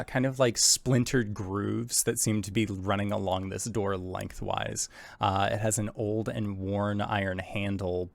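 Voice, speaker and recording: A man's voice: lowish voice, creaky, no echo. A man improvising descriptive narration as game master of a tabletop role-playing game.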